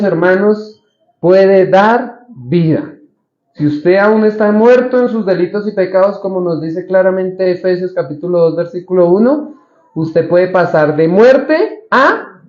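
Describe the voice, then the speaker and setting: A man's voice: high-pitched, darkish tone. A man preaching a sermon as pastor, speaking conversationally, asking the congregation questions and acting out the lines of Bible figures. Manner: acts out the Bible figures' lines in quoted voices. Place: church hall. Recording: roomy, slightly dull church recording.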